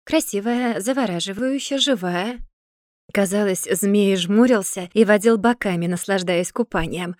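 A woman reads a fairy-tale story in a calm, measured way. Her voice sits at a mid pitch, neither high nor low. The sound is dry and close, with no room around it. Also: no room sound. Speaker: audiobook narrator. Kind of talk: scripted fairy-tale narration.

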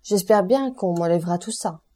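Aloof nobleman count, read by a woman, offhand, commanding, very mellow dark tone, storybook reading. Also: lowish voice, moderate pace, lightly acted. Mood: cool, offhand. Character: aloof, wealthy, self-assured male count. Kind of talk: audiobook reading.

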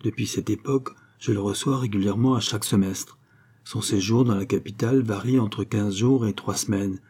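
A man's voice: lowish voice, fairly even intonation, moderate pace, warm tone, husky. A man voicing a fawning, sly middle-aged hotel keeper in a storybook reading, obsequious and confiding. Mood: insistent.

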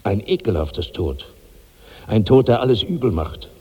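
An actor playing a huge, ravenous old man in his sixties in a 1960s radio drama, brooding and husky, breaking into loud cries. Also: fairly low pitch, big pitch swings, moderate pace, long reverb tail, dull audio. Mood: disgusted. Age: 60s.

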